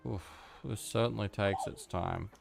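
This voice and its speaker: A man's voice: lowish voice, measured pace, vocal fry, music in the background. A man giving casual, mumbling commentary while playing a video game, with self-deprecating asides. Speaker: gamer.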